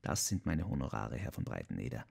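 A man voicing an excitable, boastful older songwriter in an audiobook, chatty and quick to defend himself. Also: rumbling low, vocal fry, slightly rough, voice pushed down, heavily acted. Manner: chatty, self-defending, emphatic. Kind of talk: audiobook character voice.

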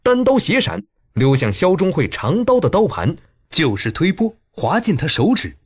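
Animated, husky male audiobook narrator. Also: moderate pace. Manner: dramatic, highly animated reading.

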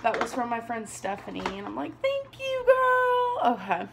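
A woman's voice: a little high, wildly swooping pitch, moderate pace, gravelly, heavy background noise. A woman in her twenties chatting casually to a camera on her desk, rambling and laughing often. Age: 20s. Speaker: vlogger. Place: small bedroom indoors. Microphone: camera on a desk below her.

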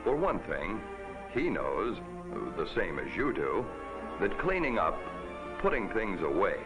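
A man narrating a 1950s TV commercial as a folksy, upbeat pitchman. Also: sing-song, measured pace. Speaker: commercial announcer. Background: music.

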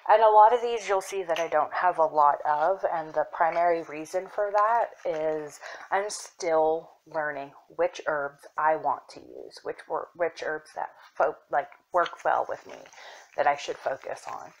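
Low, soft-spoken young woman. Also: rough recording. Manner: unhurried, with fillers and self-corrections. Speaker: apothecary shop owner. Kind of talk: casual show-and-tell.

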